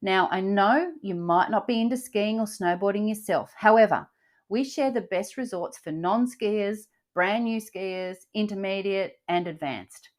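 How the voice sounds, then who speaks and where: A woman's voice: medium pitch, measured pace. An older Australian woman, a grandmother, hosting a travel podcast in easy, chatty talk with frequent ums and laughs. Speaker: podcast host. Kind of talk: casual travel podcast chat.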